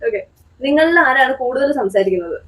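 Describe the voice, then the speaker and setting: A young woman runs a casual twin challenge, firing off each question briskly. Her voice sits high and moves fast. The home recording carries a clear hiss of noise. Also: expressive. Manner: brisk, upbeat question-asking. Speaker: quiz host. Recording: noisy home video recording.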